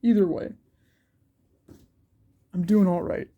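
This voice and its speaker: With a slow, high-pitched voice and fairly even intonation, a young man narrates his sketch for an art channel vlog, the sound coming through with phone-like quality. He's congested from a cold and speaks hesitantly, with many ums and restarts.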